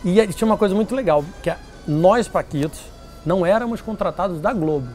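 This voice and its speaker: A man telling stories in an interview, lively and acting out what others said. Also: high-pitched, quick pace, faint music behind. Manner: animated, acts out quoted voices. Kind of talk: casual storytelling interview.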